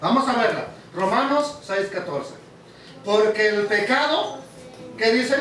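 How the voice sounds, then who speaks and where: A man's voice: sits high, expressive, measured pace, fairly bright tone. A man teaching a sermon to a congregation, often asking the audience questions. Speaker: preacher. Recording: very echoey hall, mic far off.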